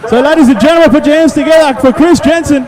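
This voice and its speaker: An Australian man calling a race as a motorsport commentator, excited, colloquial and punchy. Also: very high voice, quick pace, a crowd in the background. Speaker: speedway race commentator and trackside interviewer. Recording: loud race car engines behind the voice. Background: race cars, engines and tyre squeal.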